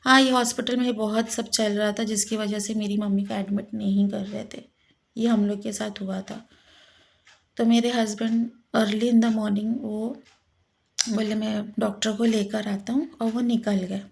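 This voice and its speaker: A woman telling a personal story with emotion, halting and repeating herself. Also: medium pitch, flat delivery, vocal fry. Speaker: vlogger.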